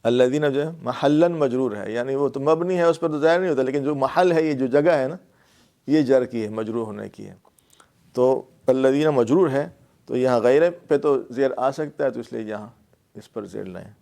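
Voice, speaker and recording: A male teacher gives a classroom lecture in Pakistani-accented Urdu, working slowly through the grammar. He explains patiently, says key words again and again, and pauses on short fillers while he thinks. His voice sits at a medium pitch for a man. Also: gravelly, mellow. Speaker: Quran and Arabic grammar teacher.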